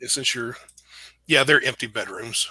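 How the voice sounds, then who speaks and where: A man narrating a tabletop game as game master, relaxed and explanatory with frequent fillers. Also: mid-range voice, a little slow, husky, no room sound.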